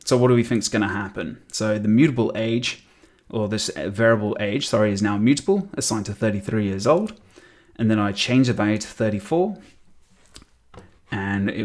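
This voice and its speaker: A man in his thirties teaching programming, thinking aloud with frequent ums and self-corrections as he types. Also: on the low side. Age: 30s. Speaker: programming tutor. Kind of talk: screen-recorded coding tutorial.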